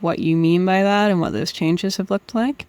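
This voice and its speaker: A woman's voice: medium pitch, normal speed, a little mellow, clean tone, no echo. A woman hosting a podcast, asking questions in a friendly, conversational way. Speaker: podcast host. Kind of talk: interview questions.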